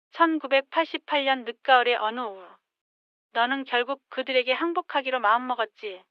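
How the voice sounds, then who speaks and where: A woman in her sixties narrating a scripted story in a gentle, rueful tone, as if writing to her younger self. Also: high-pitched, smooth, dry recording. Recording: dull lo-fi dry sound.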